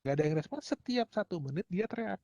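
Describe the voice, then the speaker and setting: A man's voice: high-pitched, lively intonation, quick pace, dry recording, lo-fi sound. A male university lecturer from Indonesia, giving a casual, joking lecture and acting out examples. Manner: chatty, joking, acts out phone and tower shouting.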